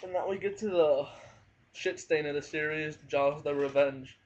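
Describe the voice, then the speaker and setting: At home with family nearby, a man gives a casual spoken movie review, hesitant and full of fillers and hedging. His voice is fairly high and darkish, at a moderate pace, with slight background noise on a dull lo-fi home recording.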